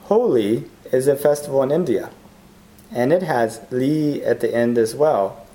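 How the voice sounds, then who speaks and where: Male language teacher, soft mellow tone, explanatory scripted lesson delivery, careful with example words. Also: medium pitch, expressive, a little slow. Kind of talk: scripted Hindi lesson narration.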